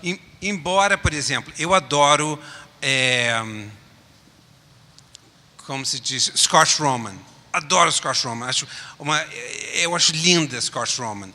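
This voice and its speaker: A man speaking informally as a panelist, haltingly and often searching for words. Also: on the high side, expressive, bright, forceful tone. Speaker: panelist, small design studio owner. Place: round table in a reverberant hall. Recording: echoey hall.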